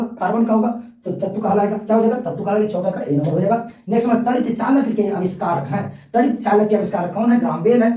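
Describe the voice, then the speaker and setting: A man leads an exam-prep class, asking a question and then answering it himself, hammering each fact home by repeating it. His voice is mellow and dark, and it sits back from the mic in an echoey room. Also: sits high, distant mic. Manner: quizzing, answers own questions, repeats key facts. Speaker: exam coaching teacher. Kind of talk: live exam-prep lesson.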